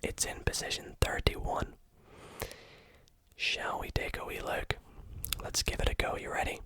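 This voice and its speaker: A magician giving a whispered ASMR tutorial, gently explaining things step by step. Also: a little slow. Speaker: magician teaching a card trick.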